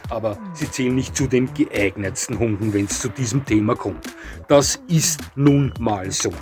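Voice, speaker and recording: A man who isn't a native Portuguese speaker comments frankly and matter-of-factly on a dog breed ranking, with many fillers and self-corrections. His voice is medium-pitched and darkish, his pace measured, with faint music behind him.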